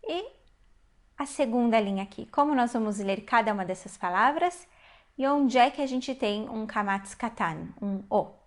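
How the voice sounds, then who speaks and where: A woman with a fairly high, expressive voice teaches Hebrew reading in an online language lesson. She explains patiently, step by step, and slows down to spell out syllables.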